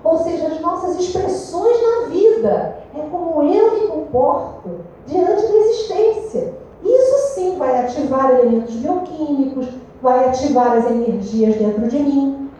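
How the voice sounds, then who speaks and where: A woman with a Brazilian Portuguese accent giving a lively spiritual talk to a meeting group, questioning her listeners. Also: high voice, measured pace, slight background noise. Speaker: speaker at a spiritist study meeting. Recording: echoey room, distant dull mic.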